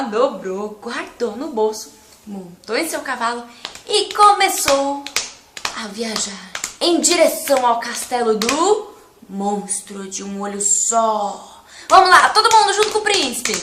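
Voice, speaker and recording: A woman tells a story to children with great animation and draws them into the game. Her voice is high and swings widely. The room echoes around her. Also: a little hiss or hum. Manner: animated, coaxing the audience to join in. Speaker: storyteller teacher.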